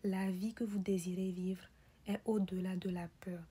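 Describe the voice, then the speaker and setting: Female motivational speaker, very husky and whispery, mellow tone, insistent questions and refrains. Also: medium pitch, little pitch movement, moderate pace. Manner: whispery, breathy delivery. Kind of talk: motivational speech.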